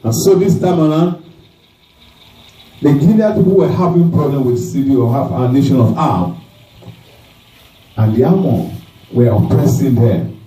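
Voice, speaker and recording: Dramatic preacher telling a story. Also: male voice, medium pitch, expressive, normal speed, long pauses. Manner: dramatic, emphatic, with sudden shouts. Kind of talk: sermon storytelling. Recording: roomy hall, mic at a distance.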